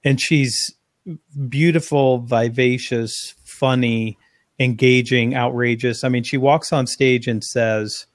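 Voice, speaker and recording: A man, a guest on an interview, telling an animated anecdote in long run-on phrases. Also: mid-range voice, slow, no room sound. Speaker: interview guest, sales speaker. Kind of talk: conversational storytelling.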